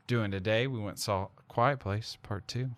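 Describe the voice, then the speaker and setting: A man's voice: lowish voice, moderate pace, fairly bright tone. A man hosting a casual movie review podcast, rambling and self-correcting with lots of fillers. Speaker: podcast host.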